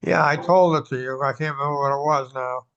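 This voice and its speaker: A man on a town selectboard speaking in a relaxed, somewhat rambling way at a meeting. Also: on the high side, fast talker, clear, resonant tone. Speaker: selectboard member. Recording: dull lo-fi sound.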